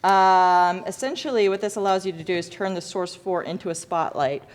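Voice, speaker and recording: A lighting design instructor with a lowish voice and moderate pace leads students through a hands-on demonstration. She's informal and good-humored, correcting herself as she goes, in an echoey hall with background noise.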